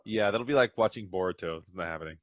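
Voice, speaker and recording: A man's voice: low-pitched, quick pace, no echo. A man chatting casually as a podcast guest, rambling through stories with a self-deprecating streak. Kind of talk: casual chat.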